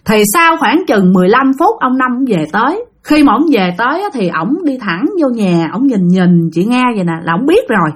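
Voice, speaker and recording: A woman's voice: a little high, big pitch swings, normal speed, hardly any pauses, breathy edge. Chatty woman storyteller. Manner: chatty, addresses listeners directly. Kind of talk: casual spoken ghost story.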